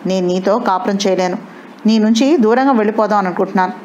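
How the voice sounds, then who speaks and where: A woman's voice: mid-range voice, fast talker, a little mellow, highs cut off, a little hiss or hum, natural voice. A woman reading the lines of a jealous, wounded husband who asks strained, accusing questions.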